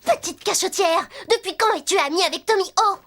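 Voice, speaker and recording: A woman's voice: very high-pitched, normal speed, a bit bright. A woman voicing a pushy, gushing young schoolgirl in a cartoon, with a pointed manner. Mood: accusing. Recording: music behind the voice.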